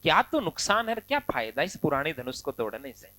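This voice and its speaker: High-voiced man teaching poetry. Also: no echo. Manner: chants verses slowly, then explains in lively chatty asides. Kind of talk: poetry lesson, recitation with explanation.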